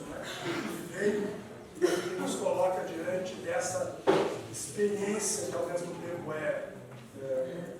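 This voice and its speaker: A man giving an animated lecture to an audience, often checking in with "né". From southern Brazil. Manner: animated, wide swings in pitch and loudness, frequent "né". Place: meeting hall. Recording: echoey hall, distant mic, faint noise.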